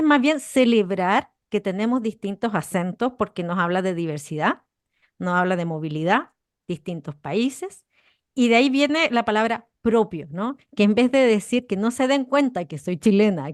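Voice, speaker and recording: A woman co-host talks in a lively, conversational way, leaning hard on the words she wants to stress. Her voice sits at an ordinary middle pitch. The recording is close and dry, with almost no room sound. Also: moderate pace, no room sound. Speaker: podcast co-host. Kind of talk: conversational explanation.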